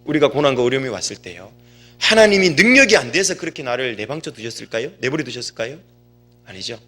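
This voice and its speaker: A man's voice: mid-range voice, pushed and bright. A male pastor preaching a sermon, telling stories and asking the congregation rhetorical questions.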